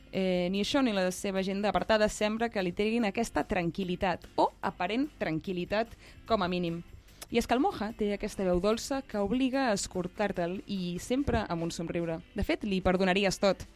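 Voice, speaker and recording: A woman with a Catalan accent and a medium-pitched, slightly mellow voice co-hosts a talk show. She moves between prepared introductions and casual banter.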